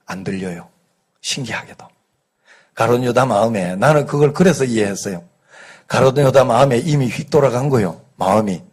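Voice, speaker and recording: A middle-aged pastor with a light Gyeongsang accent, preaching a conversational Sunday sermon, telling folksy stories and asking the congregation rhetorical questions. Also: male voice, mid-range voice, expressive, normal speed, a little mellow, husky. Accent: light Gyeongsang dialect. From Gyeongsang region, South Korea.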